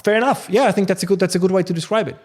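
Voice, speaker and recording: A man's voice: high voice, racing, darkish tone. A man speaking as an academic guest, earnest and emphatic, often restarting his sentences. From Austria. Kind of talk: conversational interview.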